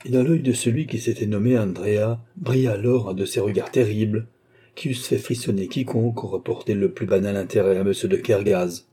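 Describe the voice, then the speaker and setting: A man narrating a classic novel as an audiobook, with steady, measured storytelling. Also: lowish voice, husky.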